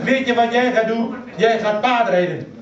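A man's voice: very high voice, moderate pace, noisy background. A man voicing a strict, stern middle-aged doctor who lectures his patient, in a carnival stand-up act. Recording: echoey hall from far off, dull, audience laughter.

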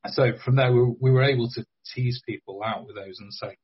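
A man's voice: medium pitch, steady tone, fairly quick, husky. A man, a game creator talking as a podcast guest, hesitant with many ums and restarts, on dull lo-fi remote audio. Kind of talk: casual interview chat.

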